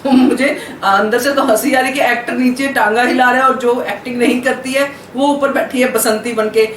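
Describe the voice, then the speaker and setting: Chatty female film vlog host with a high voice, recorded far from the mic in a roomy space. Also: fairly even intonation, normal speed. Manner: chatty, laughs while telling. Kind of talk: casual storytelling to viewers. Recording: roomy echo, distant mic, faint hiss.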